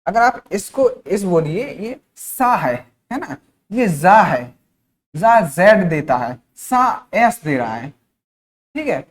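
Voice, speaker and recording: A male teacher from India leads a spoken-English class. He drills each word slowly and repeats it, poses questions and answers them himself, and adds short check-ins throughout to keep students with him. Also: high voice, big pitch swings. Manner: repeats words slowly, asks and answers his own questions; frequent checking-in tag phrases.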